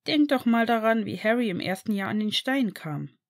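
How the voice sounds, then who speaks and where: A woman's voice: on the high side, big pitch swings, moderate pace. Woman voicing a laid-back teenage wizard boy. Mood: easygoing. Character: young male schoolboy wizard, casual and laid-back. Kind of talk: audiobook character reading.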